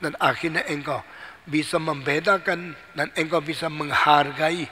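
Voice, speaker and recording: A man's voice: a little high, bright, forceful tone. A man preaching a sermon as pastor, emphatic and repetitive, asking rhetorical questions. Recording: long hall reverb.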